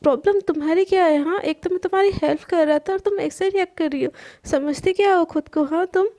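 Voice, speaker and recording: A woman's voice: extremely high pitch, a little fast, warm tone, pitched above the performer's own voice. A woman voicing an arrogant, menacing young man who taunts and threatens, pushing each line with a challenging "haan?". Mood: taunting.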